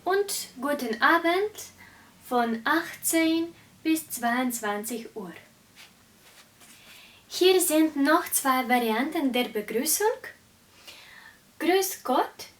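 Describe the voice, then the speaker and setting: Speaking slowly and with precise articulation, a high-voiced woman teaches German to beginners, captured on a distant mic. She is in her 20s, comes from Russia and grew up speaking Russian.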